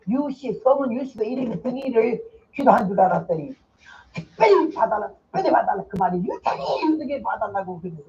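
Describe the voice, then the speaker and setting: A woman's voice: fairly high pitch, a little mellow, dull audio. Older woman preaching with dramatic storytelling. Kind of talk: sermon with personal testimony.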